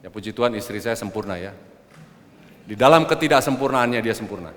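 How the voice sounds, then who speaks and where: A man's voice: lowish voice, fairly quick. Man preaching in a reverberant hall. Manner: animated, swings between loud outbursts and quiet asides; addresses the congregation as brothers and sisters. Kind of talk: sermon testimony.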